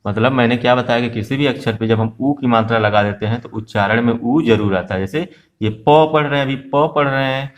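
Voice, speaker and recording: A man teaching a class-one Hindi lesson, patiently asking questions and answering them himself, slow and repetitive. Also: mid-range voice. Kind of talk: Hindi phonics lesson for young children.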